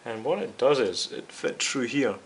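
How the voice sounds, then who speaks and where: Hosting a radio restoration series, this man talks casually through a hands-on repair, explaining each step straight to his viewers. His medium-pitched voice is animated and moves at a normal speed, with a slight hiss or hum in the audio.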